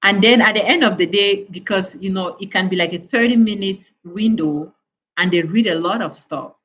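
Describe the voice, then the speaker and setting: A woman's voice: mid-range voice, moderate pace, fairly bright tone, breathy edge. Woman from west africa giving moms a pep talk, earnest and preachy, muffled lo-fi sound. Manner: earnest, preachy, rhetorical questions. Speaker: live stream host. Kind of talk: motivational talk. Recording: dull, lo-fi sound.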